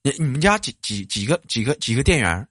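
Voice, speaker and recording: A man with a Northeastern Mandarin accent hosts a casual livestream, teasing his guest and leaning hard on stressed words. His pitch swings widely as he jokes. The sound is dry and close. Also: very animated, quick pace, a bit bright, no echo. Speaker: livestream host. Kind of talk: joking casual chat.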